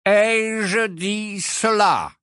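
A man voicing a haughty old male wizard portrait in an audiobook, with a slow, sarcastic, mocking drawl. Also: sits high, a bit bright, clear, resonant tone, no room sound, clean studio sound, pitched above the performer's own voice, full character voice. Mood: dismissive. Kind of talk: audiobook character voice.

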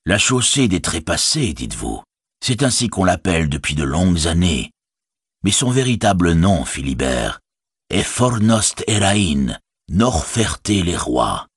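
A man reading a calm grave old wizard. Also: low voice, husky, dry recording, clean studio sound, exaggerated voice. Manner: measured, grave, reassuring.

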